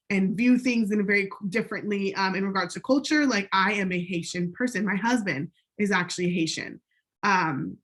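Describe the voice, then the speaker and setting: A woman teaching a recorded college sociology lecture in a conversational way, often checking in with "right?" and filling pauses with "um". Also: mid-range voice, fairly bright tone. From United States. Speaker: sociology instructor.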